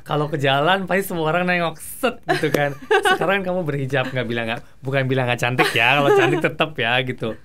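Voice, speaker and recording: A man's voice: on the high side, fairly quick, few pauses, bright, forceful tone. A man hosting a casual interview, talking in a playful, teasing way and complimenting his guest. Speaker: host.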